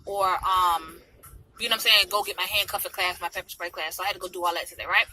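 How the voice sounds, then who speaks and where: A woman tells a story casually from her car, with a very bright, forceful voice that moves quickly. A tongue piercing gives her a slight lisp. Her delivery is sassy, animated and full of slang. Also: lowish voice. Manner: slangy, sassy, mimics others' remarks. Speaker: vlogger telling a personal story. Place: inside a car in traffic. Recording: noisy car interior in traffic.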